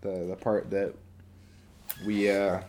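Young male co-host, lowish voice, rambling casual delivery, remote mic. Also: little pitch movement, takes it slowly, darkish tone, a little hiss or hum. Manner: rambling, restarts, bursts into silly voices. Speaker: podcast co-host. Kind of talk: casual chat. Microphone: remote call mic.

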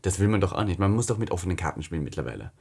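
A man with a lowish, husky voice who talks fast. He tells candid, gossipy stories in a relaxed podcast chat with a friend. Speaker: podcast co-host. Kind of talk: casual chat.

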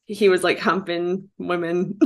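A woman's voice: fairly low pitch, flat delivery, unhurried. A young woman in her twenties hosting a casual podcast chat, giggling often and saying "like" constantly. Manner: giggly, says "like" a lot. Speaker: podcast host.

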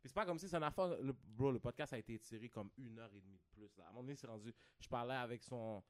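A man's voice: medium pitch, rapid-fire. A man with a Quebec French accent, chatting on a podcast as a guest, mixing English slang into his French and often asking "tu comprends?". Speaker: podcast guest, content creator. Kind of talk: casual podcast chat.

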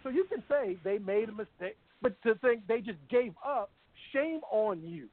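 Fired up guy ranting about football on the radio, higher voice, tinny phone-like sound. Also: normal speed. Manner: fired-up, emphatic, repeats phrases. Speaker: co-host. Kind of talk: sports talk radio rant. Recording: phone-quality audio.

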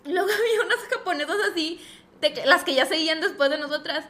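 Mexican woman co-host, high bright voice, animated storyteller. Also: fast talker. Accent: Mexican Spanish. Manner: animated, acts out quotes with laughter. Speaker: podcast co-host. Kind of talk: casual chat, storytelling.

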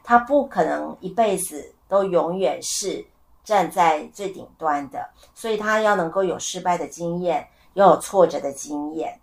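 Middle-aged woman podcasting solo, kinda low voice, animated, keeps asking the listener stuff. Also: moderate pace, vocal fry. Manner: animated storyteller who asks listeners questions; acts out voices in her stories. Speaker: podcast host. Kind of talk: casual solo podcast talk.

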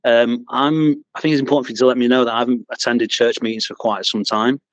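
Speaking fast in a medium-pitched, fairly even voice, this Mancunian man from England is a podcast guest in a relaxed interview chat. The recording is dry, and he stumbles through ums and restarts while laughing at himself.

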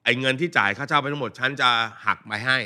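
A man's voice: medium pitch, rapid-fire, bright, forceful tone. A man co-hosting a podcast as a money coach, chatting casually and joking, sometimes acting out quoted lines.

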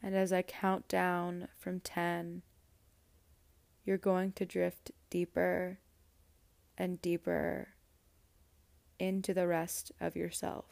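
A woman leads a guided meditation, speaking unusually slowly with long soothing pauses. Her voice sits low and stays level, with little rise and fall. The sound is close and dry. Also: completely flat delivery, gravelly, dry recording. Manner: slow, soft, soothing delivery with long pauses.

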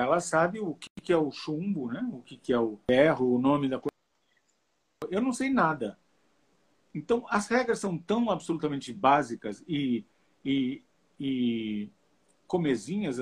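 A man's voice: high-pitched, breathy edge. A man who translates song lyrics, talking casually in an interview with many restarts and hesitations. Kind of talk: casual video call interview.

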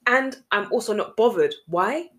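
A woman's voice: medium pitch, lively intonation, normal speed, a bit bright. A woman in casual chat with her sister, earnest and a little preachy, repeating phrases for emphasis. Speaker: podcast host.

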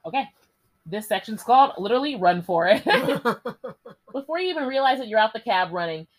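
Young woman host, lively reader with foul-mouthed asides. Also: fairly high pitch, normal speed, low-quality recording. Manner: lively, swears and jokes between passages. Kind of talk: reading a gamebook aloud.

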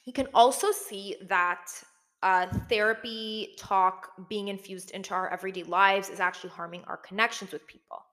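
An echoey, big-room recording of a young woman hosting a commentary video. She speaks informally at a middle pitch, as if thinking aloud, with plenty of "like" and "again". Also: fairly even intonation, normal speed, fairly bright tone. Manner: informal, conversational, frequent "like" and "again". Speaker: video host. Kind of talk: casual video essay commentary. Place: big indoor room with little furniture.

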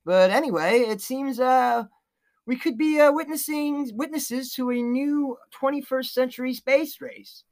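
A man's voice: very high voice, unhurried, darkish tone. A man hosting a solo podcast, talking loosely with lots of fillers and restarts and a sarcastic edge. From New York. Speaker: podcast host.

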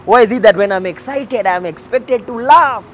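A man's voice: high-pitched, moderate pace, a bit bright. Kenyan man, emphatic motivational talk, street noise behind. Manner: code-switches between English and Swahili slang. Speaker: host addressing men on faith and life. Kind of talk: motivational talk to camera, informal preaching.

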